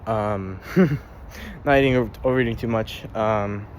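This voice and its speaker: A man's voice: lowish voice, a little slow, slight background noise. A young man keeping a casual spoken journal, rambling, swearing freely and often repeating himself or tripping over his words.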